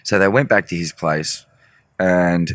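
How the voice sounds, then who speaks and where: A man's voice: low-pitched, a little slow, fairly bright tone, dry recording. A man, a musician guest, telling a story in a rambling, casual way with frequent swearing. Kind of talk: casual storytelling in a podcast interview.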